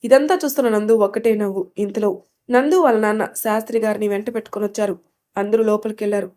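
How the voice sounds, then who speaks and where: A woman narrating a spoken story in a steady, measured manner. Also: mid-range voice. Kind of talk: scripted narration.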